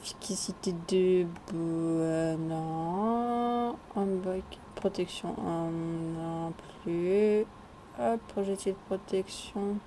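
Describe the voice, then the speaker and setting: A woman giving casual, chatty commentary over her own gameplay, relaxed and talking to the game characters as she goes. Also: on the low side, extremely slow, a little hiss or hum. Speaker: gaming vlogger.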